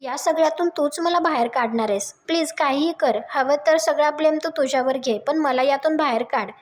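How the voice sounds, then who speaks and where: A woman reading out the lines of a bitter, scheming woman who faces jail and swears revenge, in a plain high recap voice. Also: a little fast, lightly acted.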